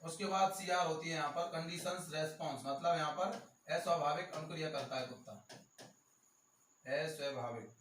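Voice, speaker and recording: A male teacher with a Rajasthani accent gives an exam-prep lecture, repeating key terms slowly and stressing them. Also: fairly high pitch, steady tone, a bit bright, a little hiss or hum. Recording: echoey room, voice from far off.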